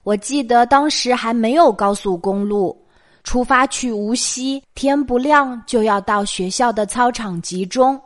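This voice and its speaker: A middle-aged woman with a Mainland Chinese Mandarin accent hosts a bedtime show, sharing childhood memories as stories in a conversational way. Her voice is a little high and a little slow.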